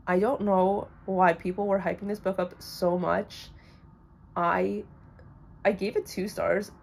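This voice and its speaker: A woman's voice: lowish voice, vocal fry, a little hiss or hum. A young woman casually rambling through blunt opinions on books she has read, with lots of fillers. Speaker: book vlogger. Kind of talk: casual chat.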